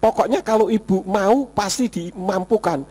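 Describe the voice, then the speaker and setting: A male pastor, preaching a sermon full of his own story, swinging between high excited lines and low quiet asides. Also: moderate pace, breathy edge. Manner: animated storytelling, jumps high and drops low. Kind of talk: sermon with personal testimony. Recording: long reverb of a hall.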